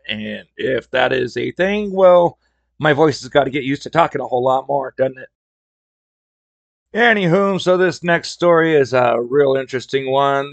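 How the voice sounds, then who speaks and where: A man in his thirties tells workplace stories in a wry, easygoing way. His voice is gravelly and a little strained from overuse. It sits at an ordinary pitch and sounds dry and close, with no room sound. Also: dry recording. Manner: wry, conversational, acts out customer dialogue. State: voice strained from talking a lot. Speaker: podcast host telling retail stories. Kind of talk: casual storytelling monologue.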